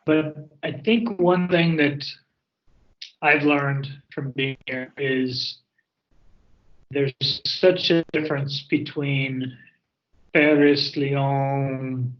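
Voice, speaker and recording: Guy on a video call talking real slow, repeats himself, muffled audio. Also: medium pitch, steady tone. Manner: deliberate, repeats words as he thinks. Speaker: participant in an online happy hour. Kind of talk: casual chat.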